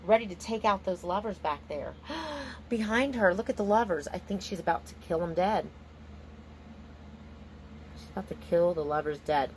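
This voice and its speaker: A woman's voice: fairly low pitch, normal speed, a little mellow, slight background noise. A woman giving a casual, improvised tarot reading in an informal, exclamatory, slangy way. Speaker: tarot reader.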